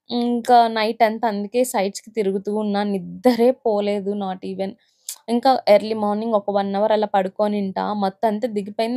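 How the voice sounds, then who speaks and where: A woman's voice: mid-range voice, warm tone. A young woman with a Telugu accent, heartfelt as she recounts her own experience in a personal vlog. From India. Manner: emotional, heartfelt recounting with many fillers. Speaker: vlogger.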